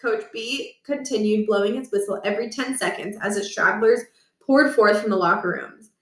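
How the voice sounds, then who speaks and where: Standing far from the microphone in an echoey room, a woman narrates a children's book. Her mid-range voice brings expressive storytelling and carefully placed emphasis.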